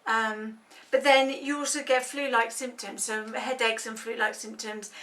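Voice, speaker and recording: Woman, higher-pitched, clearly bright tone, informal explainer, conversational, personal examples, recorded slightly away from the mic. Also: steady tone, a little slow, far from the mic. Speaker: health awareness campaigner. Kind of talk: informal explanatory talk to camera.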